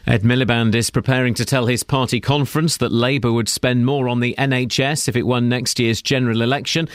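A man's voice: medium pitch, fairly even intonation, brisk, slight background noise. A man with a British accent reading a scripted radio news bulletin. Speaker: radio newsreader. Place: radio studio.

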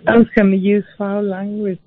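A woman's voice: mid-range voice, very noisy. A tipsy woman calling in over the phone on speakerphone, slurring and arguing with the host. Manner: slurring, argumentative. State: tipsy after a few drinks. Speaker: caller. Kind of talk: call-in radio chat. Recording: tinny dry phone line.

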